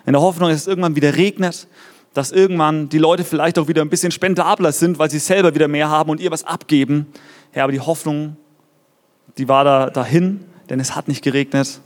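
A man's voice: on the high side, fairly even intonation, a little fast. A man preaching a casual, chatty youth sermon, talking straight to his listeners with lots of "hey" and "ja". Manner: chatty, peppers talk with "hey" and "ja". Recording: reverberant hall.

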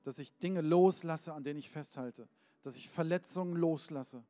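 A man's voice: on the high side, normal speed, mellow. Earnest male preacher in an echoing hall. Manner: earnest, direct address to the listener. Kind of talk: sermon with storytelling. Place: large church hall with a live band. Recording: long hall reverb, faint band music.

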